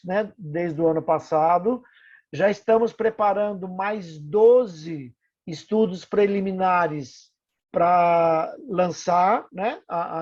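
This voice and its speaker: A man's voice: high voice, darkish tone. An older Brazilian man, a municipal housing official, chatting at length in an online webinar with a talkative, self-deprecating manner. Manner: talkative, self-deprecating, offers help repeatedly. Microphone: video call. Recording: dull lo-fi video call audio.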